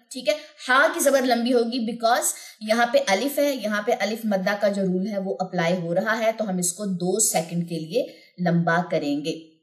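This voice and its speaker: A woman with a Pakistani Urdu accent and a medium-pitched voice gives a tajweed lesson. She explains each sound step by step, then chants the Quranic verses in a long, drawn-out melody.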